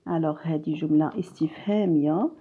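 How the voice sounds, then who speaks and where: A woman's voice: deep voice, racing, husky, phone-quality sound. A woman teacher giving a video grammar lesson, switching between French and Arabic and reading example sentences aloud. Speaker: primary school teacher.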